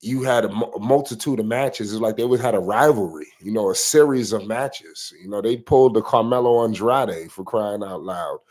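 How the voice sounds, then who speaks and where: A man's voice: on the low side, moderate pace, few pauses, darkish tone. A man giving casual, opinionated wrestling commentary in a rambling, conversational way, dropping in frequent "you know" asides.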